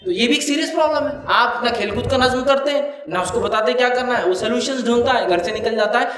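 A man's voice: very high voice, fast, a bit bright. A man from India giving an Islamic lecture, admonishing parents with rhythmic lists of commands. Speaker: Islamic speaker. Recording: echoey hall.

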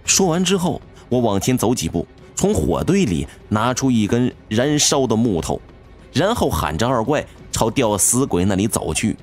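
A man narrating a first-person horror audiobook with an expressive, dramatic storytelling manner. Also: mid-range voice. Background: faint music.

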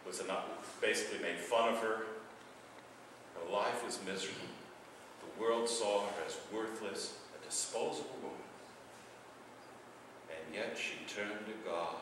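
Animated preaching man in echoey church. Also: on the low side, far from the mic, background noise. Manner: animated preaching with big swings from loud to hushed. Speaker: priest. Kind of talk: sermon. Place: church sanctuary. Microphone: far camera.

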